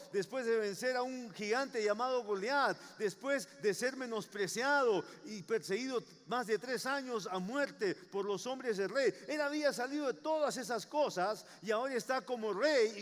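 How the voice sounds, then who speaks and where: High-voiced man preaching in a reverberant hall. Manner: emphatic preaching with repeated rhetorical questions. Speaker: pastor. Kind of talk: sermon.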